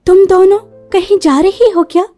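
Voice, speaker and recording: A woman voicing a meek, hardworking poor young daughter-in-law in a cartoon story, who speaks softly and humbly. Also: very high voice, fairly even intonation, unhurried, faint music behind. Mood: polite.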